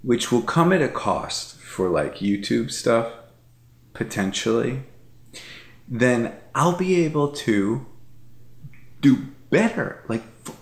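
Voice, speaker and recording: Slow and gravelly, with frequent pauses, a man's animated mid-range voice echoes in the room. The thirty-something vlogger chats casually from his couch at home at night, rambling, repeating himself, and filling gaps with fillers.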